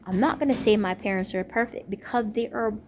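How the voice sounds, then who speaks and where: A woman's voice: mid-range voice, fairly quick, slight background noise. Emphatic woman in her thirties. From Jamaica. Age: 30s. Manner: emphatic, repetitive, stream-of-consciousness. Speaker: teacher and minister. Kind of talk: rambling personal monologue.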